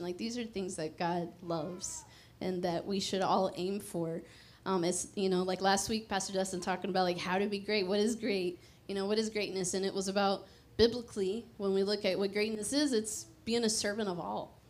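Speaking into a handheld microphone on a church stage, a woman delivers a conversational, emphatic sermon before sinking into a quiet prayer. Her mid-range voice keeps a steady tone at a moderate pace.

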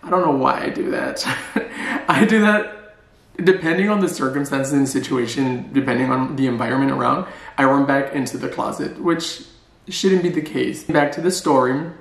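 A playful, talkative man chats through a casual vlog and pokes fun at himself. His voice has a gravelly edge. The room around him is echoey. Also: medium pitch, normal speed. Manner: playful, chatty and self-mocking. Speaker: vlogger. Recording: roomy echo.

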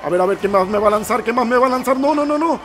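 A man giving excitable, nervous let's-play commentary and constantly calling out to his viewers. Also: very high voice, very fast. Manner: excitable, nervous reactions, keeps addressing viewers as "gente". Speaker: gameplay commentator.

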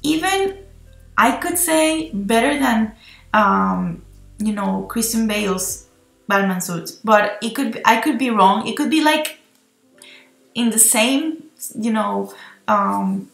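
A woman talks through a film review in a chatty, enthusiastic, rambling way, filmed on her own phone. Her voice has a gravelly edge, and the room around the phone mic rings with echo. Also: on the high side, slow, a bit bright, faint music behind. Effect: recorded on a phone. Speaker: movie reviewer. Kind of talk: casual spoken film review. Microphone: phone recording itself.

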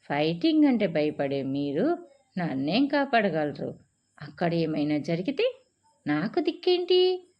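A woman's voice: lowish voice, very animated, a little slow. Preethi, a woman playing a bold young woman. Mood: probing. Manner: direct, questioning. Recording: dull lo-fi recording.

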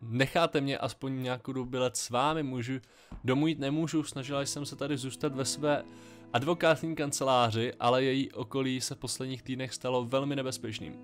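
A man's voice: mid-range voice, fairly even intonation, faint music behind, natural voice. A man voicing a displaced woman lawyer, reading her formal, apologetic lines aloud. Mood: earnest.

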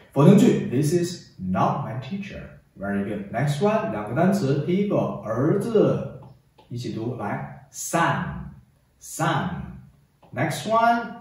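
A man's voice: medium pitch, a little mellow. Guy running an english lesson, bouncy voice, keeps saying very good, sounds far off in a big echoey room. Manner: drills phrases, repeats "very good", coaxes repetition. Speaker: English teacher. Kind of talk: classroom-style English lesson. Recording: echoey room, distant mic.

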